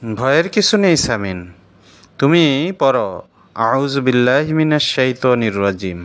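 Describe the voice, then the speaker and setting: A man voicing a calm, caring father in a children's cartoon, reassuring and guiding his son. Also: mid-range voice, moderate pace, smooth, lightly acted.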